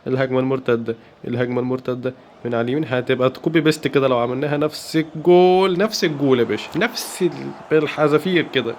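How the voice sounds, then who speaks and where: Fast-talking Egyptian man commentating gameplay. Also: medium pitch, slight background noise. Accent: Egyptian Arabic. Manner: excited, playful, exclaiming. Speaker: gaming YouTuber.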